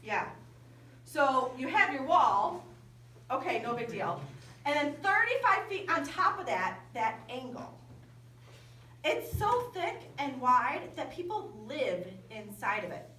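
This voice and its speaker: A woman camp speaker telling a story in a lively sermon to young people. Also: high-pitched, takes it slowly, a little hiss or hum. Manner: lively, animated storytelling with quoted dialogue. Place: large indoor hall at a winter camp. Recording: echoey hall from far off.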